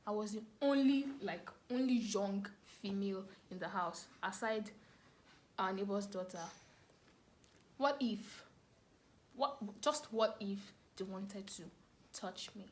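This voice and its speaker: Slow-paced and medium in pitch, this young adult woman with a Nigerian accent narrates a personal story to camera. The vlogger and storyteller keeps her delivery casual and expressive and repeats phrases to underline them.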